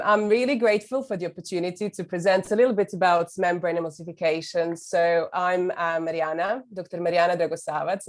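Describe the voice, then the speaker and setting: A woman from Serbia, a university lecturer, giving a friendly webinar presentation with frequent fillers. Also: on the low side.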